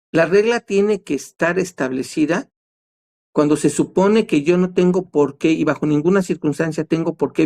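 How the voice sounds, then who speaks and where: A man speaks as a therapist guest in a casual talk show. His voice sits a little high for a man. He reasons out loud and keeps asking himself rhetorical questions. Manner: explanatory, rhetorical questions, quotes others.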